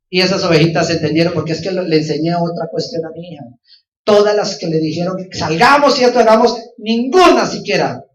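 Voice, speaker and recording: A man preaching as a pastor, telling a personal testimony with passion and often calling out to his listeners. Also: high-pitched. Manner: impassioned, repeats phrases and keeps calling out to his listeners. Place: church. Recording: roomy, distant and dull church recording.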